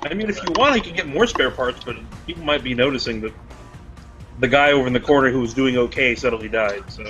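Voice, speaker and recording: A man's voice: mid-range voice, fast talker, a bit bright, lo-fi sound, soft background music. A man playing a tabletop role-playing game, joking and talking through his character's actions. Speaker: player. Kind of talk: casual tabletop role-play chat.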